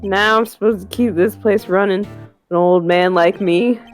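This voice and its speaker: A woman's voice: medium pitch, steady tone, moderate pace, soft background music, close to an everyday voice. A woman voicing a grumpy, doting old Southern man who runs a shop, in an amateur game dub. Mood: relieved, rambling. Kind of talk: amateur video game dubbing.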